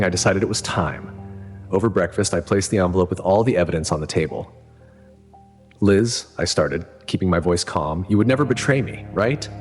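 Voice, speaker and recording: A man in his fifties narrating a first-person story in a measured, grave manner. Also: deep voice. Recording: reverberant hall sound with faint music.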